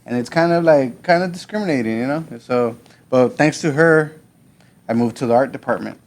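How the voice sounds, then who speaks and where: A man's voice: medium pitch, brisk. Laid-back man in his thirties telling stories. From South Texas, USA. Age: 30s. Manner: relaxed, laid-back, many fillers and restarts. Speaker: podcast guest, artist. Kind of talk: casual conversational storytelling.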